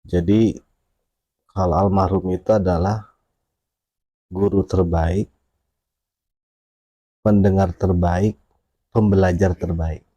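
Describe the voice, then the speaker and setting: A man recalling memories of a late religious teacher in a measured, thoughtful way, pausing on fillers. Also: deep voice, fairly even intonation, dark tone. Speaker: family member remembering the late cleric. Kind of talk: reflective reminiscing interview.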